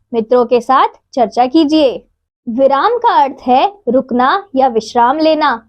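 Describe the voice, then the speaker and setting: A woman teaching a grammar lesson to children, reading out examples slowly and clearly. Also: high-pitched, dull audio.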